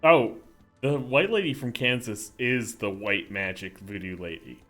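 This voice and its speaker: Man, slightly low voice, casual let's play co-host, conversational, soft game music behind. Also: unhurried. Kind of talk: casual chat while playing a game. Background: video game music.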